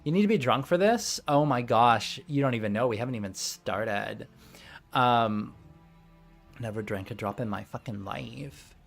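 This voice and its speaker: A game master runs a tabletop game, cussing and giggling in a Valley Girl drawl. The voice swings widely in pitch while the story gets told. Faint music plays behind. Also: expressive, measured pace, vocal fry. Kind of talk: casual chat and game narration.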